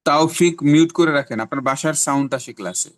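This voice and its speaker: A middle-aged Bangladeshi man teaching spoken English in an online class, giving slow, drawn-out English examples between explanations. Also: on the high side, dry recording.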